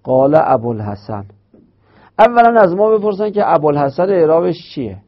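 A man teaching a grammar lesson in speech, explaining step by step and slowly repeating key terms. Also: fairly high pitch, big pitch swings. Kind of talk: Arabic grammar lecture. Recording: dull lo-fi recording.

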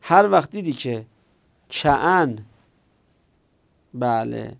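A man's voice: medium pitch, expressive, vocal fry. A man teaching a grammar lesson, who poses questions and answers them himself while stressing the key words. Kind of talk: explanatory grammar lecture.

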